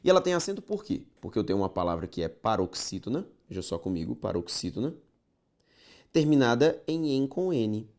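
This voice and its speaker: Lively, emphatic Brazilian male teacher. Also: mid-range voice, quick pace, few pauses. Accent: Brazilian Portuguese. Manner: emphatic, repeats key points, asks rhetorical questions. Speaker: grammar teacher. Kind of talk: recorded grammar lesson.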